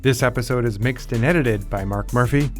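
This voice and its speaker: A man hosting a podcast interview in the smooth, friendly manner of a moderator. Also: medium pitch, brisk, faint music behind. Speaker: podcast host.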